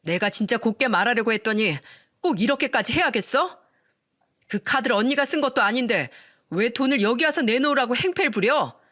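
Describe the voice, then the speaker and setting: A woman's voice: fairly high pitch, expressive, a little fast, fairly bright tone. A woman reading a stern young husband. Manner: stern, blunt. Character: firm young husband protecting his wife. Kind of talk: storytelling radio drama reading.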